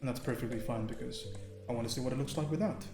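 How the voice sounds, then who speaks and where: A man leads a live painting stream, talking his way through each choice in a relaxed, easygoing way. His voice carries some room echo. Soft music plays faintly underneath. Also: medium pitch, fast talker, gravelly. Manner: relaxed, thinking aloud, frequent "right?". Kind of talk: live painting tutorial with chat. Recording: roomy sound with faint music.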